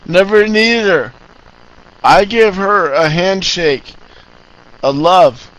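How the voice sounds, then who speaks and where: Male chat room caller: high-pitched, slow, rambling, grandiose delivery. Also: a bit bright, low-quality recording.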